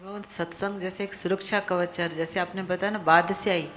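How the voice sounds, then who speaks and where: A woman's voice: fairly low pitch, steady tone, normal speed, fairly bright tone, slight background noise. A woman devotee earnestly sharing what she took from the teaching at a satsang. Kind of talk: testimony at satsang.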